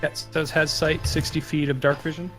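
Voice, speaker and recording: A man narrating as dungeon master of an online tabletop game, relaxed and checking rules aloud with fillers. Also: fairly high pitch, brisk, soft background music.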